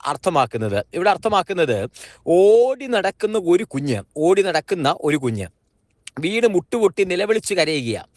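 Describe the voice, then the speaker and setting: A man's voice: high-pitched, dry recording, studio quality. A man giving a devotional morning sermon, repeating and restating his phrases with small slips and corrections. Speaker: preacher.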